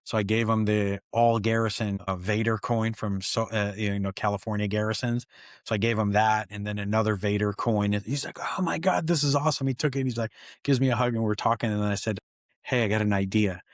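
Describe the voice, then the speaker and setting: Excited stuntman telling set stories. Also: fairly low pitch, fairly quick, no room sound, studio quality. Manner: excited, acts out quoted dialogue. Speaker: stuntman guest. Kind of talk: animated storytelling interview.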